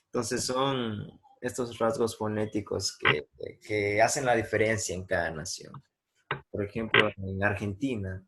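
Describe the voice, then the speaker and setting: A man's voice: on the low side, a bit bright, slight background noise. A man with an Ecuadorian accent, a teacher giving an online class, explaining patiently with examples and checking that his students follow.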